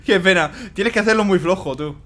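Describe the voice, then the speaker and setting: A man with a Spain Spanish accent giving casual gaming commentary, excitable and stammering through repeated words as he swears. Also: sits high, brisk, slight background noise. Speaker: gaming YouTuber.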